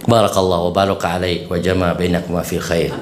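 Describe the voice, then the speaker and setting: A man giving a religious lesson to a group of women, with lively jumps in pitch for emphasis and frequent questions to the audience. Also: fairly quick, a loud crowd. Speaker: preacher. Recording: echoey room, faint ambient noise.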